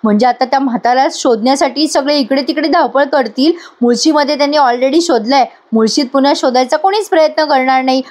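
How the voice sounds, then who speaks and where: Woman voicing a drunk, scheming young woman. High, loud, boastful. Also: quick pace, few pauses, close to an everyday voice. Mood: gloating. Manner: loud, boastful, slurred celebrating.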